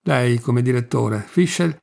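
A man reading a literary novel aloud in a measured, steady manner, with a gravelly voice. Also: medium pitch. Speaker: audiobook narrator. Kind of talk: literary audiobook narration.

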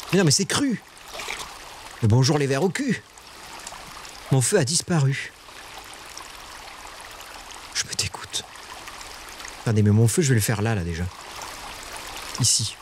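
A man streaming a survival game, talking to his chat in casual live commentary and shrieking high when startled. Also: a little mellow, a little hiss or hum.

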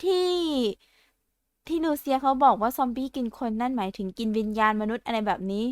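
A woman playing a horror game, talking to herself in low-key asides. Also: brisk, smooth, dry recording, clean studio sound. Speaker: game streamer. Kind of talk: game playthrough with voice acting.

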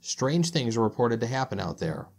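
Guy reading a chill friendly police sergeant, calm and reassuring, average pitch. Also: moderate pace, creaky.

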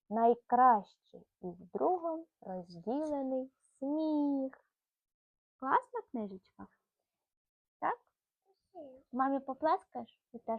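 A mother reading a rhyming bedtime story to her son at home, gentle and sing-song. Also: fairly high pitch, no room sound. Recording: tinny phone-like sound.

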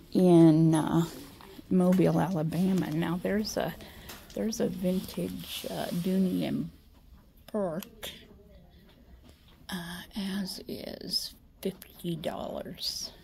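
Her voice is lowish, creaky and mellow, with a little hiss or hum and generally poor audio. She's a Midwestern American woman chatting casually while shopping, often whispering, in a shop-with-me vlog shot on a handheld phone in a large indoor store.

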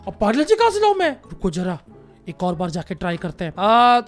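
A young Indian man gives rowdy gaming commentary in a high, bright voice, shouting at villagers and dogs despite a sore throat. Faint music plays under his talk. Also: a little fast. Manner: loud, excitable, shouts and yells at game characters. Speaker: gaming YouTuber. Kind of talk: Minecraft let's play commentary.

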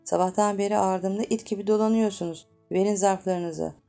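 A woman voicing a crafty, bossy male foreman in a storybook reading, speaking in a gruff, barking way. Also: medium pitch, fairly even intonation, a little fast, dark tone, soft background music, natural voice.

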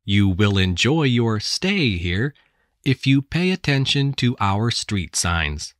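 An American woman reading English textbook passages aloud with careful, deliberate enunciation. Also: very deep voice, big pitch swings, dry recording, clean studio sound. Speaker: English text reader. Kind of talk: slow scripted textbook reading.

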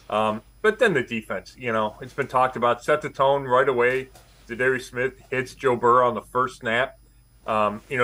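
A middle-aged man with a medium-pitched voice gives sports analysis. He talks conversationally, as a guest on a video call. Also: pushed and bright. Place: small room indoors, on a video call.

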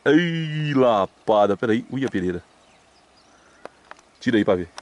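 A man with a Brazilian caipira country accent giving casual, excited, jokey fishing commentary outdoors from behind a handheld camera. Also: medium pitch, unhurried. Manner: animated, jokey, exclamatory. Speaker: vlog host and cameraman. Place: open hillside pasture by ponds, outdoors.

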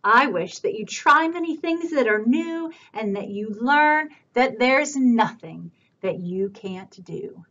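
A woman children's librarian reading picture books aloud for storytime, with a warm, expressive storytime delivery. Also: fairly high pitch, slow pace, hardly any pauses, lo-fi sound, a little hiss or hum.

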